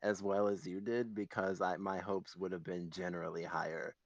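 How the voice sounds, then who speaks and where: A man's voice: low voice, level tone, moderate pace, no room sound, dull audio. A man co-hosting a podcast in casual chat, rambling and full of fillers, laughing often. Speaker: podcast co-host.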